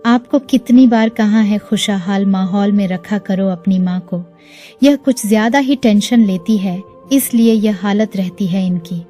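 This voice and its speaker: A woman's voice: mid-range voice, unhurried, dark tone, close to an everyday voice. A woman storyteller voicing a hospital doctor who lectures a patient's son sternly. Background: faint music.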